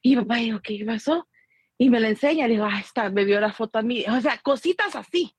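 A woman from Guatemala, chatting casually as co-host, telling animated stories and mimicking her relatives, dropping in English phrases. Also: on the high side, brisk, breathy edge, dry recording. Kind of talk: casual chat.

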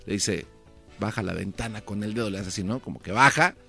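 A man on a radio comedy show retelling a joke quickly and joking around, acting out its characters. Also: lowish voice, vocal fry, pushed and bright, breathy edge, faint music behind.

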